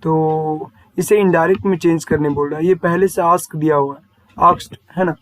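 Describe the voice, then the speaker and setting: A man teaching an exam answer walkthrough. He explains each step, keeps checking in with a quick question, and reads the English phrases out slowly. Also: on the high side, steady tone, no room sound, rough recording.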